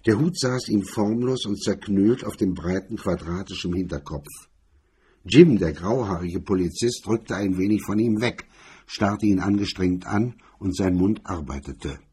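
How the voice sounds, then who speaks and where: A man narrating a crime story in a measured, steady reading. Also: low voice, breathy edge.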